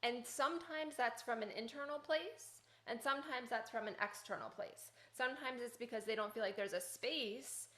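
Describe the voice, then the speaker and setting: A woman's voice: on the high side, normal speed, few pauses, a bit bright. Woman podcast host, encouraging interviewer, roomy echo.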